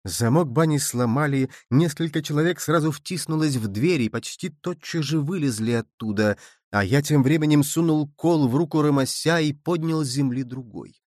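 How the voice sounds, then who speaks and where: A man's voice: fairly high pitch, normal speed, a little mellow, no echo. Man narrating an audiobook, dry close sound. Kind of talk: scripted literary narration.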